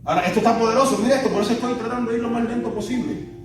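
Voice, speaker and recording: High-voiced preaching man in an echoey hall. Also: very fast. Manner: fervent preaching with repeated refrains. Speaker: pastor. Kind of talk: sermon. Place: church. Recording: echoey church hall, distant mic, guitar music.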